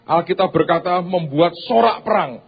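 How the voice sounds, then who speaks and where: A man preaching a sermon as pastor, telling stories that swing from loud bursts to hushed asides. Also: sits high, normal speed, creaky, slightly rough.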